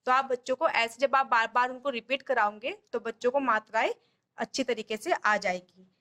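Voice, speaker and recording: A woman teacher explaining vowel signs, patiently repeating each sound slowly and drawing it out. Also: fairly high pitch, pushed and bright. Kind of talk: explaining a lesson to parents.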